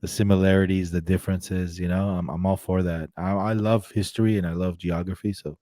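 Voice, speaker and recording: A middle-aged man from Armenia hosting a relaxed chat over a video call, talking casually with lots of fillers and restarts into a close studio mic. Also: deep voice, a little fast, dry recording. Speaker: podcast host interviewing a photographer. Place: indoor room with leather couch, on a video call. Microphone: studio microphone close to the mouth.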